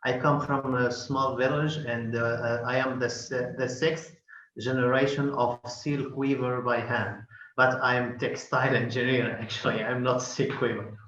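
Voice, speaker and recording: A man's voice: medium pitch, level tone, unhurried, a bit bright. A man from Tunisia asking a question on a webinar, hesitant and searching for words with many uhs. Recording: echoey, dull video call audio.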